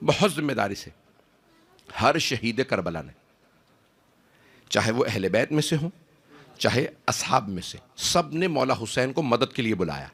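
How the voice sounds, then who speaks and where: A middle-aged man preaching an emotional sermon to a large live gathering, with dramatic rises in pitch and loudness as he addresses the crowd. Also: very animated, long pauses, husky. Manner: addresses the gathering directly and often. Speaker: Islamic preacher. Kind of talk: impassioned religious sermon.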